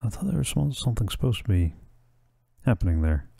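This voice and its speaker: A man's voice: fairly low pitch, big pitch swings, brisk, creaky, dark tone, breathy edge, dry recording. A middle-aged man giving casual, wry video game commentary, muttering to himself and reading text aloud into a close desk microphone. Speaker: gamer and host of a playthrough series. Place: small indoor room. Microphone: desk microphone close to the mouth. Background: video game music.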